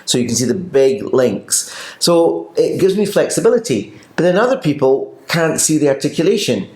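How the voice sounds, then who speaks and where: A man's voice: a little high, very animated, moderate pace, darkish tone. Scottish man chatting in a roomy space. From Scotland. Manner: wry, teasing asides. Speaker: Pilates teacher and co-host. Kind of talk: casual chat. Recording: roomy echo.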